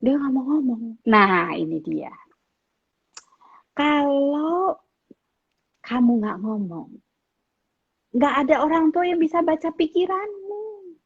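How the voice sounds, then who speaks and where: Speaking slowly in a high voice and pausing often, this middle-aged parenting guest speaker offers teenagers casual advice. She brings her stories to life by acting out her family members' lines, captured on a muffled recording.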